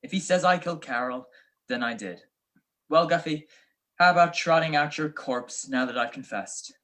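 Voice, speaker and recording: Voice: mid-range voice, moderate pace, a bit bright, lightly acted. A performer playing Nick Charles's part as a wry, unflappable male detective, teasing and sarcastic, in an old-style radio mystery. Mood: wry, nonchalant. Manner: dry, teasing, sarcastic wit. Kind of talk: 1940s detective radio play acting. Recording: video call recording.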